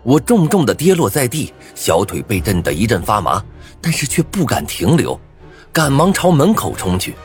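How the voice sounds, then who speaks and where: A man's voice: mid-range voice, wildly swooping pitch, normal speed, faint music behind. A man narrating a first-person thriller story with a dramatic, swinging delivery.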